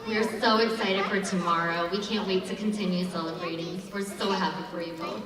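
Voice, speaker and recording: A woman's voice: mid-range voice, steady tone, a little fast. A young woman giving a playful, affectionate wedding toast as a bridesmaid. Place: hotel banquet hall. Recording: echoey hall from far off, crowd.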